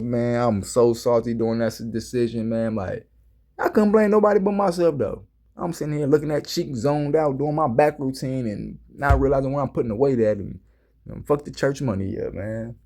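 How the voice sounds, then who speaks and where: A man's voice: fairly low pitch, creaky, a little mellow. A young man casually telling a gym story to his viewers in a laid-back, slangy way. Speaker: fitness vlogger.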